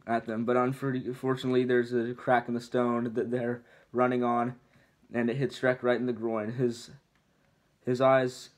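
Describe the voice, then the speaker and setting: A man casually reading a film script aloud, often stumbling and restarting words. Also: mid-range voice. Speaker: script reader. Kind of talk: casual read-aloud narration.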